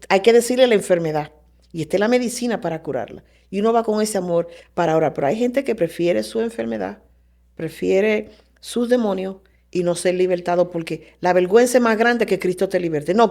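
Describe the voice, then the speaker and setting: Fervent woman sharing a faith testimony. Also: mid-range voice. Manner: animated storytelling, acting out quoted voices; preacherly and fervent. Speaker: guest.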